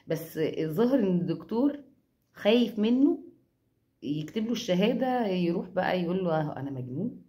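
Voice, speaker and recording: A young woman with an Egyptian accent giving a casual spoken reading to her viewers, teasing and animated. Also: mid-range voice, brisk, long pauses. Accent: Egyptian Arabic.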